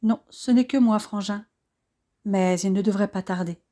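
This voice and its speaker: A woman voicing a young male officer, anxious and devoted, speaking softly and from the heart. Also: medium pitch, moderate pace, close to an everyday voice. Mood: heartfelt.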